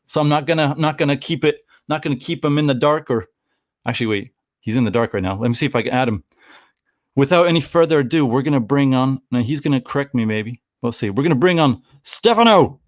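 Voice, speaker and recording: A man's voice: medium pitch, no room sound, studio quality. A Canadian man in his forties hosting a live stream, chatting casually and rambling, often cutting himself off with jokes. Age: 40s. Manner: rambling, self-interrupting, jokey.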